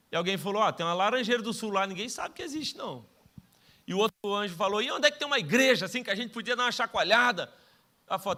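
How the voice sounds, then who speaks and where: A man's voice: high voice, pushed and bright. A middle-aged Brazilian man preaching a sermon as pastor, telling stories with self-mocking humor and acting out the dialogues. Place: church stage.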